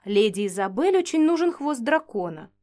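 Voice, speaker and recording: A man's voice: very high voice, big pitch swings, normal speed, darkish tone. A woman reading an audiobook, voicing a young blond male swordsman who teases slyly. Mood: teasing. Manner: teasing, sly.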